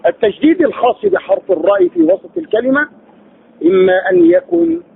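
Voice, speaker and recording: A man's voice: very high-pitched, very animated, brisk, creaky. A man teaching Quran recitation rules, asking his students questions, answering them himself and drilling syllables aloud. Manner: drills sounds by repeating syllables. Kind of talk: tajweed lesson. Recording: tinny lo-fi phone-like recording.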